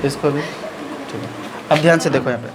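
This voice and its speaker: A man's voice: a little high, moderate pace, very noisy. A man teaching a maths lesson in speech, asking questions and answering them himself.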